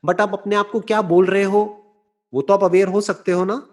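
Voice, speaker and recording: Male motivational speaker with a high register, measured and explanatory, mixes in English phrases. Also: flat delivery. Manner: slow, deliberate explaining with rhetorical check-ins. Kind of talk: explanatory talk answering a listener.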